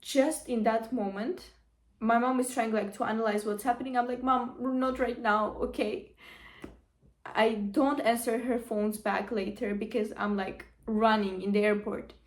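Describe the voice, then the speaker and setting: A woman's voice: a little high, steady tone, moderate pace. A young woman vlogger telling a casual story, rambling with lots of fillers and acted-out quotes. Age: young adult.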